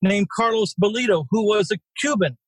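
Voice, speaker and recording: A middle-aged man telling his story as a podcast guest, blunt and salty, now and then swearing. His voice is husky and sits high for a man. The sound is close and dry. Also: fairly quick, no echo, poor audio. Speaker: podcast guest, real estate investor. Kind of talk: casual interview storytelling.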